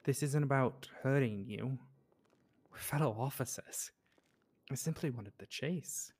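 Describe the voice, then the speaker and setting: A woman whose voice is run through a changer that drops it to a deep pitch. She answers questions in character, cool and evasive, with a slightly taunting edge. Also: measured pace, darkish tone, slightly rough. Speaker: suspect being questioned in roleplay. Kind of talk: in-character roleplay dialogue.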